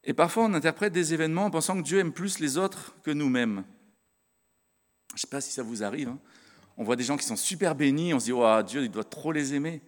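Earnest French preacher in an echoing hall. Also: male voice, a little high, fairly quick. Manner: conversational, addresses the congregation directly; earnest, stresses his convictions. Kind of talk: sermon with Bible reading.

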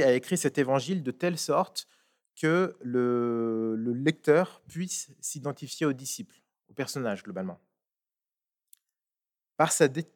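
A man reading a passage aloud and then preaching on it in a measured, emphatic way. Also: mid-range voice. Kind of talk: sermon with scripture reading.

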